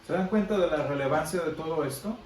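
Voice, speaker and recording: A man's voice: a little high, fast, darkish tone, slight background noise. A man teaching a Sunday school Bible class, explaining patiently and asking his listeners questions. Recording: echoey room, from far off.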